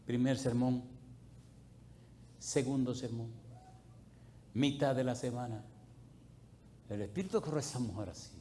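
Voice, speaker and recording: A middle-aged male pastor preaching a sermon through lively, colloquial anecdotes, breaking into loud, high bursts. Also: measured pace, long pauses, a little hiss or hum. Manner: animated, colloquial storyteller who swings into loud, high bursts. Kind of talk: storytelling sermon.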